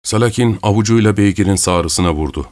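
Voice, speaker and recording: A man narrating a story aloud in a steady, even storytelling manner. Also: lowish voice, a little fast. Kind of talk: audiobook narration.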